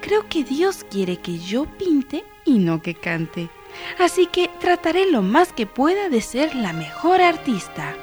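A woman voicing a young girl who is upset that she lacks musical talent, with a high, pleading voice. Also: big pitch swings, takes it slowly, music in the background, exaggerated voice. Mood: resolved.

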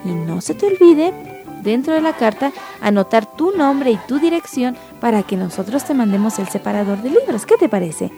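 A woman hosting a children's radio program, reading a story aloud and leading a Bible memory verse in a lively, teacherly way. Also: fairly high pitch, moderate pace, creaky, music in the background.

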